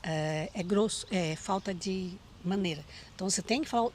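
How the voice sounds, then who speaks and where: A woman from Brazil with a Brazilian Portuguese accent, a guest in a casual chat, direct and quick to laugh. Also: fairly low pitch, a little mellow, a little hiss or hum.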